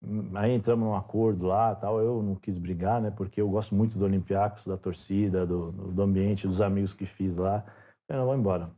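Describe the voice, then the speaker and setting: A Brazilian former footballer, a guest on a podcast, telling stories in a relaxed chat and acting out the dialogue as he goes. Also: low-pitched, a little fast. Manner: animated storyteller, acts out dialogue. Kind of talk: casual storytelling interview.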